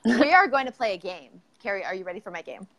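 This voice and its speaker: A woman's voice: mid-range voice, expressive, fast, fairly bright tone. A woman hosting a podcast in casual chat, irreverent and jokey, with plenty of filler words. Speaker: podcast host.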